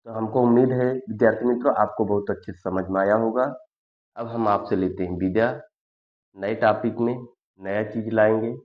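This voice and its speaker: A man teaching Sanskrit in a patient lesson, explaining words one by one and reciting verses slowly. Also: fairly low pitch, steady tone, roomy sound. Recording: dull lo-fi sound.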